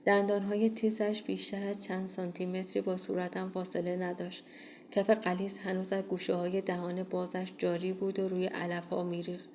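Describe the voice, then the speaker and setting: Woman audiobook narrator, low voice, even and flat delivery, faint hiss behind. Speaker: audiobook reader. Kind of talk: first-person horror audiobook narration.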